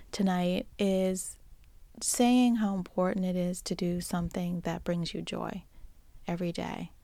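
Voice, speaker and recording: A woman's voice: medium pitch, creaky, darkish tone, dry recording. A woman with a Boston accent hosting a solo podcast, talking in an encouraging, chatty way and often restarting her sentences. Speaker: podcast host. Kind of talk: casual solo podcast talk.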